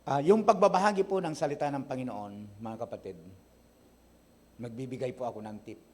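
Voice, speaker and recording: A Filipino man preaching a sermon as pastor, often asking the congregation questions and answering them himself. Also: fairly quick. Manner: addresses the congregation often, asks questions and gives its replies; rises from quiet, low delivery to loud, high, emphatic preaching. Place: church service.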